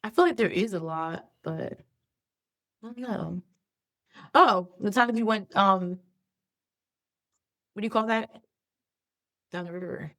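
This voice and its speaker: A woman's voice: medium pitch, measured pace, long pauses. A young woman guesting on a podcast, chatting casually about school memories, laughing often and trailing off with "I don't know.". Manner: relaxed, laughs often, uses many fillers like "I don't know". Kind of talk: casual chat.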